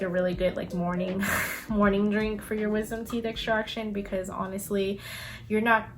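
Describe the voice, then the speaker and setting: A woman talks casually to her viewers in an advice vlog, with music clearly playing behind her. Her pitch sits in the middle range for a woman. She explains things in a loose, rambling way and often circles back to repeat a point. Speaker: vlogger, dental assistant. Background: clear background music.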